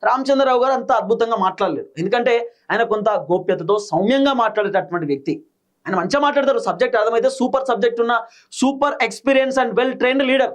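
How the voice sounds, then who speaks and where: A man with a Telangana Telugu accent delivers political commentary at a rapid clip. His voice sits notably high, and he hammers each point home in short, repeated phrases.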